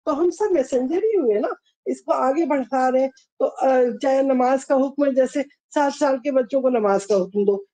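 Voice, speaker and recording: A woman giving a religious talk in an earnest, pleading way, gently urging her listeners. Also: high voice, no room sound, poor audio. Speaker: religious lecturer.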